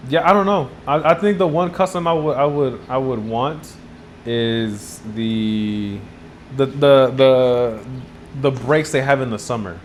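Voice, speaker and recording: A young man with a Texan accent chats casually as a podcast co-host. He rambles, laughs often and acts out little quotes in his stories. His voice is mid-pitched with a faint hiss behind it. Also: fairly even intonation, a little slow. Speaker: podcast co-host back from a trip. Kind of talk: casual chat.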